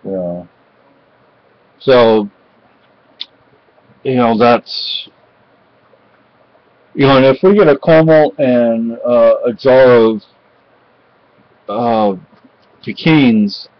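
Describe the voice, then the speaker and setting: Sitting in his cluttered home, a middle-aged man from Spain records a casual vlog on a webcam held close. His voice is mid-range, and the audio is dull and lo-fi with no room sound. He talks in a halting, rambling way, full of fillers, pauses and false starts.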